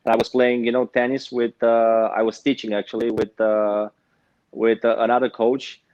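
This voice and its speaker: A man's voice: medium pitch, little pitch movement, moderate pace, a little mellow, no echo. A man in his thirties from Romania with a Romanian accent, a guest in a casual interview, speaking hesitantly with many fillers. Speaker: guest, pickleball pro. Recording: dull, dry lo-fi sound.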